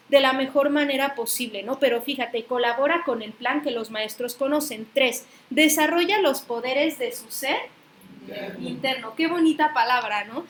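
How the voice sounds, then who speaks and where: A woman's voice: sits high, roomy sound, slight background noise. A woman with a Mexican accent, teaching a spiritual study group in a chatty storytelling way, acting out dialogue and often asking "¿no?". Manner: chatty storytelling, acts out dialogue, frequent tag questions. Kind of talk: casual spiritual teaching talk.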